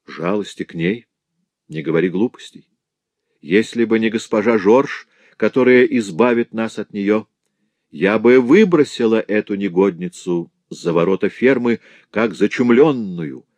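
A man's voice: fairly low pitch, expressive, moderate pace, a little mellow, no echo. A man reading aloud and voicing a stern, proud middle-aged farm mistress who speaks coldly and with scorn, in a dry recording. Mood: scornful. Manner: cold, scornful.

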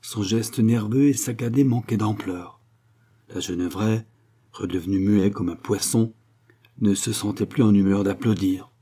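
A man narrating a novel in a measured, expressive reading. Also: lowish voice, slightly rough. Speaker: audiobook narrator. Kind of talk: scripted narration.

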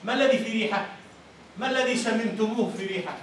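A man's voice: high-pitched, fast talker, a little hiss or hum. A man with an Egyptian accent giving a university lecture on Arabic prosody, quizzing his students and repeating their answers. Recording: echoey lecture hall, far from the mic.

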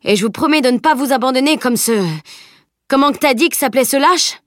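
A woman's voice: sits high, brisk, dry recording, clean studio sound, voice pushed up, natural voice. A woman reading a plump, jovial middle-aged carter in an audiobook, with hearty exclamations and rustic speech.

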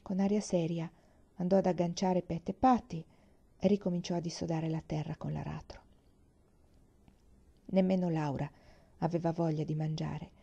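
Woman reading a storybook aloud, gravelly warm voice, kinda muffled dull recording. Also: on the low side, fairly even intonation, normal speed, pauses often. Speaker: reader. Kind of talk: audiobook narration.

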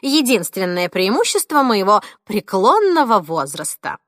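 A woman reading an audiobook, voicing a cantankerous 86-year-old woman who snaps and scolds in a shrill, indignant voice. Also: sing-song, a little slow, fairly bright tone, no room sound, clean studio sound. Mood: defiant.

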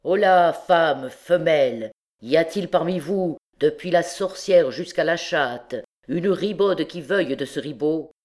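A woman's voice: low voice, normal speed, darkish tone, close to an everyday voice. A woman voicing a brutal, mocking male king of thieves in an audiobook, bellowing his commands.

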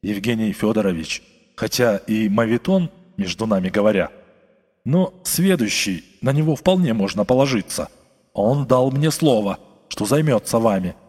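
A man voicing a kindly, sentimental older postmaster who pleads softly in a half-whisper. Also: on the low side, lively intonation, normal speed, breathy edge. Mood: pleading. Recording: long reverb, faint music.

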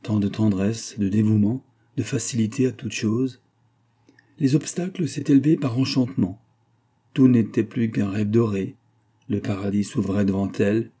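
Male audiobook narrator, very dark, husky tone, expressive literary reading. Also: on the low side, normal speed. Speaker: audiobook reader. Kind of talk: scripted narration.

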